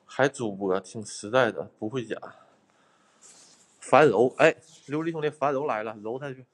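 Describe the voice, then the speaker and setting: A man's voice: mid-range voice, normal speed. Man, livestream ghost hunter, blunt, swears, chats with viewers, abandoned building. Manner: blunt and swearing, chatty, thanks viewers for gifts. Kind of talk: casual live-stream chat with viewers.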